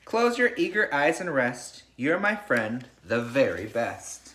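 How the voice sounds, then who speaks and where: A male teacher shares a picture book with a young class, reading in an animated storybook style mixed with casual chat. His voice is medium-pitched and unhurried, with slight background noise.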